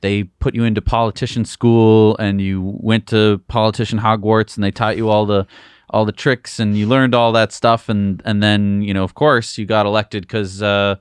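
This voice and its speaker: A man's voice: fairly low pitch, flat delivery, normal speed, clear, resonant tone, dry recording. A man co-hosting a casual interview show, asking long rambling questions with many restarts. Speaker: podcast co-host.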